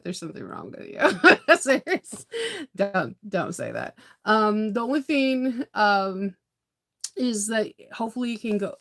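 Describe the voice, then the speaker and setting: A woman from California chats casually on a live stream while planning her sewing projects, rambling with lots of fillers and laughing often. This sewing vlogger has a medium-pitched, gravelly voice.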